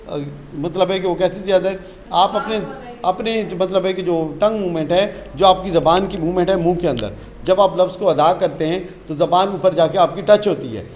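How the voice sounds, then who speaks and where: A man's voice: high-pitched, darkish tone, slight background noise. A male teacher giving a classroom grammar lesson, quizzing the class with questions and repeating the key terms, and calling the students "beta.".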